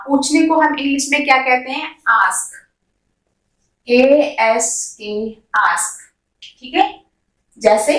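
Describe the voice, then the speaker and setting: A woman with a fairly high voice teaches beginners, saying each example phrase slowly and with care. She sits back from the mic in an echoey room. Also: far from the mic. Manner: slow, drawn-out model sentences between quick explanations. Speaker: English teacher. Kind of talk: beginner language lesson.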